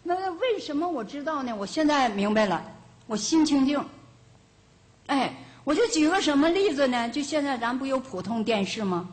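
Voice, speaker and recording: An older woman teaching Buddhism to a hall audience in a lively storytelling way. Her voice sits a little high, and she often breaks into small chuckles as she goes. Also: moderate pace. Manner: lively, homespun anecdotes with chuckles. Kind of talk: storytelling dharma talk. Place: lecture hall of a Buddhist centre.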